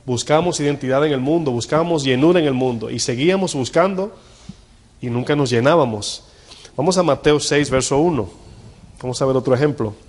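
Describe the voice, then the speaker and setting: A man's voice: medium pitch, brisk, darkish tone, in a large hall. A male pastor preaching a sermon and asking the congregation rhetorical questions.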